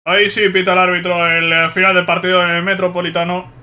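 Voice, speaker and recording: A high-pitched man calls the action live for his stream. He is excitable, shouting at goals and laughing easily. He is a stream host reacting to football. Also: fast.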